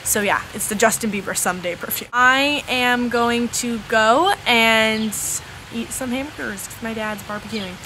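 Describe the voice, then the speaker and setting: A woman's voice: on the high side, moderate pace, pushed and bright, slight background noise. A teenage girl vlogging from home, chatting casually through a beauty tag in a rambling way, with lots of ums and likes. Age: teens. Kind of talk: casual chat answering a tag.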